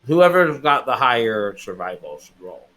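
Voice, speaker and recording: A man's voice: medium pitch, big pitch swings, moderate pace, a bit bright. A young man running a tabletop game, casual and rambling with many fillers. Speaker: game master.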